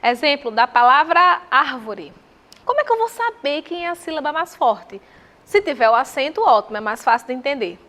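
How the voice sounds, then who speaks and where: A woman with a Brazilian accent teaching Portuguese, walking through exam answers with rhetorical questions and slow repetition of terms. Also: high voice, big pitch swings, bright, forceful tone. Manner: didactic, asks the viewer rhetorical questions; spells out terms slowly and repeats them.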